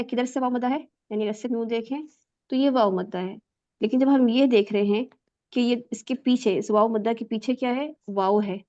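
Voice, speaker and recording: A woman leads a recitation class, her voice pitched a little high as she questions her students and sounds out each letter for them. The audio is dry and somewhat dull, like an online class recording. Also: darkish tone, no room sound. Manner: asks students questions and praises answers; demonstrates letter sounds aloud. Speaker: Quran recitation teacher.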